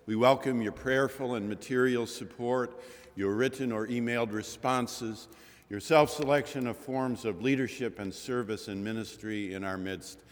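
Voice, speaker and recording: A man, a minister, leading a worship service with a measured, solemn delivery, his voice ringing with a cathedral-like echo in a large chapel. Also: medium pitch, steady tone. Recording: long chapel reverb, radio broadcast.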